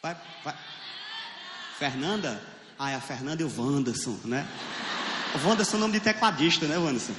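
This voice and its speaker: A man with a Brazilian Portuguese accent doing a crude stand-up set on a theater stage, animated and laughing at his own jokes. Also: a little high, normal speed, long pauses. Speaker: stand-up comedian. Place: theater stage with live audience. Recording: echoey hall with room noise.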